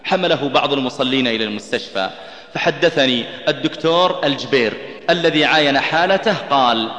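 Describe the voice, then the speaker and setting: A man's voice: animated, brisk, bright, forceful tone. A man preaching an emotional sermon, telling stories with rising passion and chanting scripture in a melodic recitation. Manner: impassioned, voice climbing high and tense at dramatic peaks. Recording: echoey hall with long reverb.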